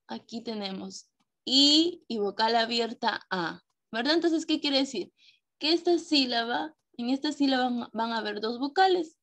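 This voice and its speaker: A patient woman teacher with a fairly high voice. She explains slowly to her class, stressing key words and often stopping to check that everyone follows. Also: a bit bright. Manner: patient, with frequent checks for understanding; affectionate diminutives, slow stressing of key words. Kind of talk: online class lesson.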